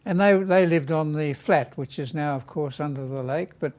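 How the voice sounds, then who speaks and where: A man in his eighties calmly recalling his childhood. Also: a little high, moderate pace. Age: 80s. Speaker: oral history interviewee. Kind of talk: reminiscing.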